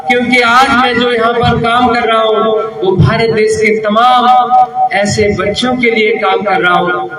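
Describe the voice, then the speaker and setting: A man giving a booming political rally speech as a candidate, oratorical, repeating phrases and calling on listeners to answer. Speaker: election candidate. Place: public election rally before a crowd. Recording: roomy distant PA sound with loud crowd.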